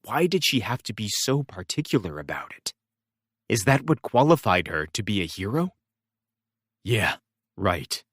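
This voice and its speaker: Guy reading a novel out loud in first person, wry, lively pitch, dry sound. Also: a little slow, long pauses, husky, no room sound. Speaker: audiobook reader.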